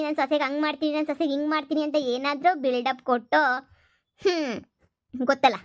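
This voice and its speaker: A woman's voice: high-pitched, fairly bright tone, no room sound, studio quality. A woman voicing a stern female police officer in a cartoon comedy, warning. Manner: stern, warning, lays down conditions.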